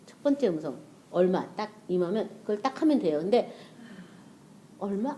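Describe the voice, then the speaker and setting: A woman's voice: medium pitch, big pitch swings, a little fast, dark tone, slight background noise. A woman preacher giving a casual, conversational sermon and acting out prayers and inner voices.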